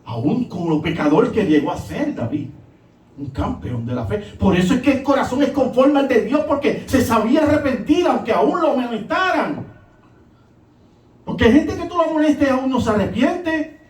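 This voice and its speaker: High-voiced man preaching in an echoey hall. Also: big pitch swings, moderate pace, darkish tone. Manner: emphatic preaching, rising and dropping. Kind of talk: sermon. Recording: echoey room, voice from a distance.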